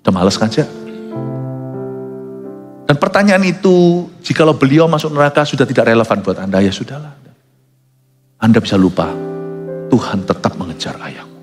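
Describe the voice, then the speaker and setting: A male pastor preaching emphatically, mixing English phrases into his sermon and swinging from low asides to loud high peaks. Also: expressive, normal speed, long pauses. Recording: long hall reverb with soft music behind.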